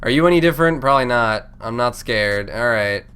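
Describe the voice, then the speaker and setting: He's a let's play host whose voice sounds blocked up, offering casual, meandering commentary with frequent self-interruptions and plenty of swearing. His mid-range voice is expressive, smooth and fairly bright, moving a little quickly. Video game music runs underneath.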